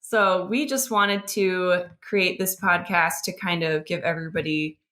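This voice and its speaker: An American woman from southern New Jersey co-hosts a podcast, chatting casually and conversationally. Her voice is fairly low in pitch and a bit bright, with a steady tone and an unhurried delivery.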